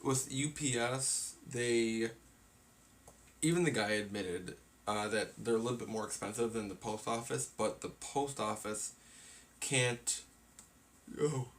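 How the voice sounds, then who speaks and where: A man's voice: mid-range voice, a little slow, a bit bright. A man casually chatting on a live stream, sleepy and yawning, rambling through his plans with lots of fillers. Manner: rambling, filler-heavy, tired.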